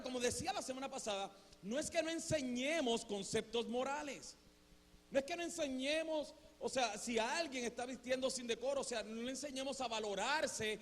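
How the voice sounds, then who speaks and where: A pastor preaching a lively, conversational sermon, full of rhetorical questions. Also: male voice, extremely high pitch, long reverb tail. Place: church sanctuary.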